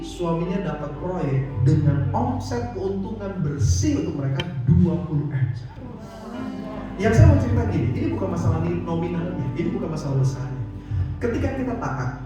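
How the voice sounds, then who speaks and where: A male pastor preaching a sermon in a relaxed, storytelling way at a church service. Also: high-pitched. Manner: conversational storytelling, casual slang. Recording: echoey church hall, distant mic, music behind.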